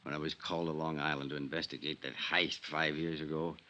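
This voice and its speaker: In the manner of a 1950s radio drama, a crooked insurance adjuster speaks in a deep voice that is still forceful and bright, with a level tone and a slightly quick pace. His folksy tough-guy slang and sardonic, falsely genial manner mask a killer, and he comes across as smug and wheedling.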